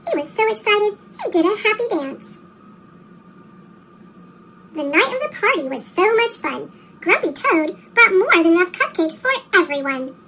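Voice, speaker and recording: A squeaky chipmunk voice reads a scripted kids' story, super animated and bright, with some noise behind it. It's a slow, expressive storybook read-aloud aimed at young children.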